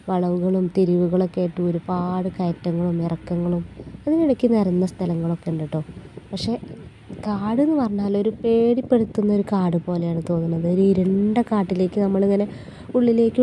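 Very dark-voiced woman with a stuffy cold. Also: medium pitch, a little hiss or hum. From north Kerala. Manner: chatty and homely, tags sentences with friendly asides. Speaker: travel vlogger. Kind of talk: casual travel vlog narration. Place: riding on a bus.

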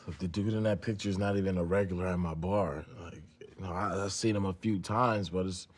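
A young man playing a cornered getaway driver in a film, husky, streetwise, profane and defensive. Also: sits low, steady tone, a little fast. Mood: nervous, defensive. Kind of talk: naturalistic film interrogation acting. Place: indoors, lamp-lit hotel suite.

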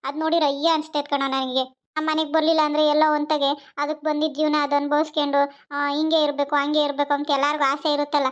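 A woman playing a wry, high-voiced village mother. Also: little pitch movement, fast talker, close to an everyday voice. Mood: tender. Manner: wry, sing-song complaining. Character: older village mother, sarcastic and caring. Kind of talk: amateur family skit. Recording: slightly dull lo-fi sound.

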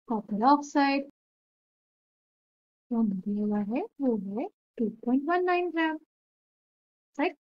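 A woman's voice: high-pitched, no echo, lo-fi sound. A woman with an Indian accent explaining a chemistry problem, switching between Hindi and English and often checking in with "right?". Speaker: chemistry tutor.

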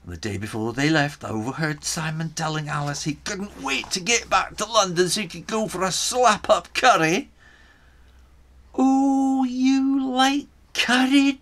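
A man's voice: fairly high pitch, exaggerated voice. A man doing a crafty Scottish islander. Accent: put-on Scottish. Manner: lively, sly first-person storytelling. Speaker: storyteller. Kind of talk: storytime reading in character.

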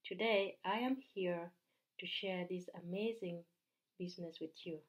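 A woman in her thirties from Uganda with a Ugandan accent, earnestly pitching a home business straight to camera with small slips and restarts. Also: fairly even intonation, measured pace. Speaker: business mentor. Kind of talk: direct-to-camera sales pitch. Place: bright indoor room.

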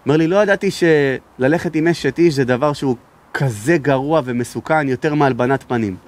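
A man, a rabbi from Israel, giving a sermon and telling stories, sometimes raising his voice for emphasis. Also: mid-range voice. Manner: raises his voice to be heard, emphatic. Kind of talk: sermon with storytelling.

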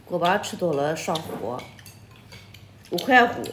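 A woman's voice: lowish voice, sing-song, a little slow. A woman hosting a livestream as she eats, chatting casually and teasing her viewers with frequent laughs. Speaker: livestream host. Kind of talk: casual chat while eating on a livestream. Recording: echoey room with faint noise and clattering dishes.

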